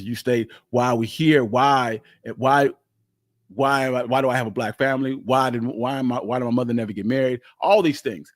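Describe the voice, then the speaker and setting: With a mid-range voice and clean, echo-free studio sound, a man hosts a live history stream, answering questions casually but emphatically and often repeating phrases to drive them home.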